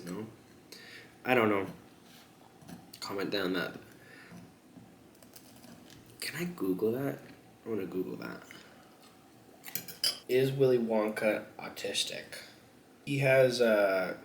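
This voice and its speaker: A man's voice: mid-range voice, a bit bright. A young man chatting casually while eating on camera, rambling and crude with lots of jokes. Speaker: mukbang vlogger. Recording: echoey room with faint background noise.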